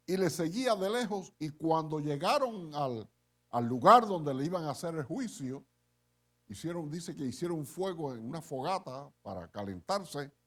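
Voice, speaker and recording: A middle-aged man preaching a sermon as pastor. He retells the story in an animated way and often checks in with listeners with a quick "eh?". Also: fairly high pitch.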